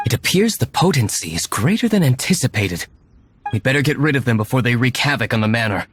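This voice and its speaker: Diluc, a man as an aloof, formal young gentleman. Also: medium pitch, very animated, noisy background, close to an everyday voice. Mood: calm, commanding. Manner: formal, measured, terse. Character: composed, aloof young gentleman winery owner, shrewd schemer. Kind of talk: video game character acting. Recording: game music behind the voice.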